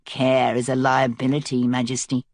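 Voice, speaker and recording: A woman's voice: very deep voice, completely flat delivery, normal speed, darkish tone, dry recording, studio quality, voice pushed down. Woman doing a sly mocking male prisoner. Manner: mocking, drawling.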